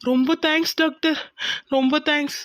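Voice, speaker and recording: Cartoon: voice actor as earnest, anxious young son, pitched up a bit, pleading; dry close sound. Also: fairly even intonation, normal speed, a bit bright, no echo. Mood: grateful. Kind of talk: Tamil cartoon voice acting.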